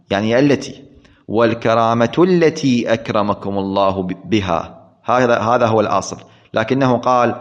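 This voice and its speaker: A man giving a grammar lesson, repeating key words and asking questions he then answers himself. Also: lowish voice. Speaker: grammar teacher. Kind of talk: classroom lecture. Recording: dull lo-fi recording.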